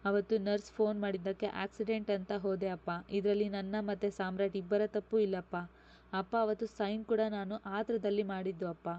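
A woman's voice: mid-range voice, flat delivery, fairly quick, warm tone, close to an everyday voice. A woman voicing a young bride who pleads through tears, in a storybook reading on a dull lo-fi recording. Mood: tearful pleading.

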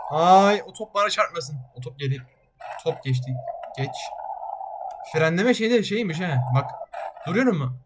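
A man with a fairly high voice talks through a video game as he plays, excitable and quick to yelp whenever something nearly hits him. Loud game music plays underneath his voice the whole time. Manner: excitable, yelps at near misses. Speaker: gaming channel host. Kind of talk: let's-play game commentary.

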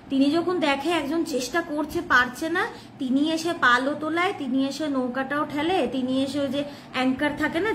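Earnest high-voiced woman giving a devotional talk. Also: a bit bright, slight background noise, low-quality recording. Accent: Bengali. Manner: earnest, explanatory, asks and answers her own questions. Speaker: devotional speaker.

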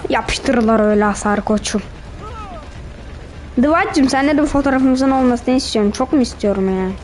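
A woman with a high voice narrates her own match as she plays. She teases and insults the other players in a loose, trash-talking way. A faint hiss sits under the recording. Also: moderate pace, a little mellow. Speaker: gamer. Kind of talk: gameplay commentary.

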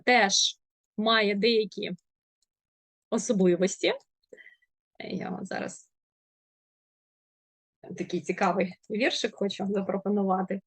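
A woman with a Ukrainian accent teaching a diction class, animated and demonstrating tongue twisters at speed. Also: medium pitch, dry recording. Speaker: speech coach.

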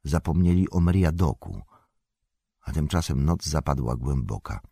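A man narrating an audiobook in a lively, expressive reading. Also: very deep voice, moderate pace, creaky, breathy edge, dry recording, clean studio sound.

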